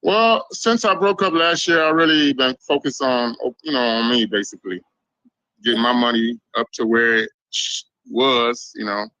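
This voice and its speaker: A man from Israel, a guest on a live dating interview, giving short, flat answers. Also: medium pitch, normal speed, no room sound, rough recording.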